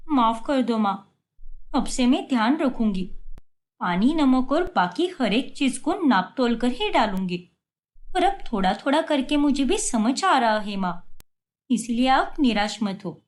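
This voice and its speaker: A woman voicing a timid young adult daughter who pleads and apologizes in an animated story. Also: a little high, measured pace. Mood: pleading.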